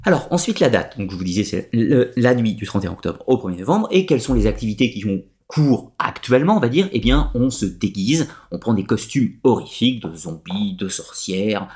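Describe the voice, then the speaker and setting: A man's voice: fairly low pitch, expressive, fairly quick, few pauses, a little mellow. A man presenting a structured lecture, explaining step by step with frequent hesitations.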